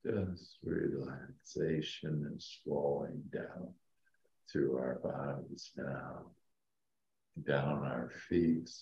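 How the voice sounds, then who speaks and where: A man guiding a meditation like a sleep story narrator, speaking softly and soothingly with long, calming pauses. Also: a bass voice, vocal fry. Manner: soft, hushed, calming delivery with long pauses. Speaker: spiritual teacher and meditation guide. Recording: dull, roomy echoing sound.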